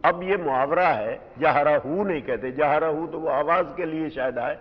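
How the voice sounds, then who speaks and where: A man gives a careful lesson, explaining words one at a time in a slightly raised voice. He slows down to stress key terms. The recording sounds muffled, with a long reverb. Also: on the high side. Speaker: Quran teacher. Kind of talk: word-by-word Quran grammar lesson. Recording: dull recording in a reverberant hall.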